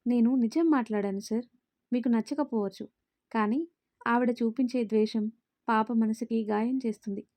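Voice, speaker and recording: A woman's voice: fairly high pitch, fairly even intonation, normal speed, mellow, dry recording, natural voice. A woman reading an earnest, outspoken young woman. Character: young woman, a firm and caring caretaker of a little girl.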